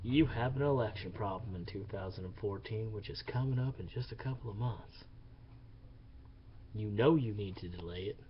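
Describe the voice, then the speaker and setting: A man's voice: fairly low pitch, normal speed, lo-fi sound, a little hiss or hum. A man angrily ranting about politics in a profane, heated monologue that repeats itself. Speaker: vlogger. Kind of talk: angry political rant.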